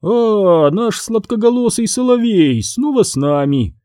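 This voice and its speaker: A man's voice: high voice, big pitch swings, unhurried, warm tone, no room sound, studio quality, pitched above the performer's own voice. A man reading an audiobook, voicing a bitter, theatrical young man who mocks and despairs. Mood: mocking. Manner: mocking, theatrical, swings to anguish. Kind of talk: audiobook character voice.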